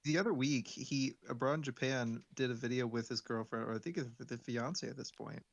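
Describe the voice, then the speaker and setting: A young man co-hosting a casual chat, unhurried and hesitant, often trailing off. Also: mid-range voice, fairly even intonation, vocal fry, highs cut off. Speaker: podcast co-host.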